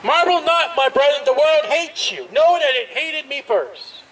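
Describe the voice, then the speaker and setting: Amplified through a portable speaker, a very high-pitched, expressive man delivers open-air preaching at a bustling street festival. He is loud and insistent with drawn-out, hammering phrases, recorded from a distance with ambient noise around.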